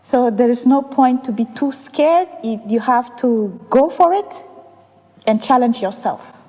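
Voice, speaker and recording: Young woman from chad, kinda high voice, lots of "like" and laughs, field engineer in an interview, echoey room. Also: lively intonation, unhurried, darkish tone. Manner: laughs often, says "like" a lot. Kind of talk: interview answers. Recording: reverberant room.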